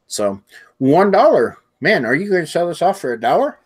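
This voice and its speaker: A man's voice: fairly high pitch, moderate pace, husky. A man hosting a live online auction, calling bids over and over with chatty asides between them. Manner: steady repetitive bid calling, chatty asides. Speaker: auctioneer and show host.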